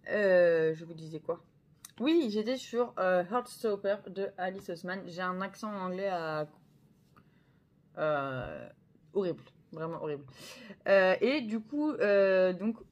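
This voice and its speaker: A woman's voice: fairly low pitch, a little mellow. A young French woman chatting casually about her books, hesitant, with many fillers and self-corrections. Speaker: book vlogger. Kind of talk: casual chat.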